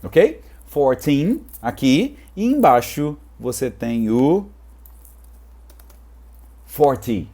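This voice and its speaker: Male tutor for an online pronunciation lesson: unhurried, mellow voice, upbeat, leads repeat-after-me drills. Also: on the high side, big pitch swings. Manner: sprinkles cheerful catchphrases. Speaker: English teacher.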